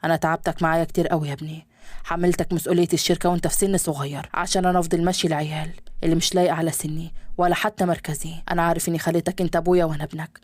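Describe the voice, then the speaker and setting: A woman with an Egyptian accent voicing a wealthy middle-aged father who speaks softly and apologetically to his son, in a storybook reading. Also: lowish voice, no echo, pitched below the performer's own voice, natural voice. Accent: Egyptian Arabic.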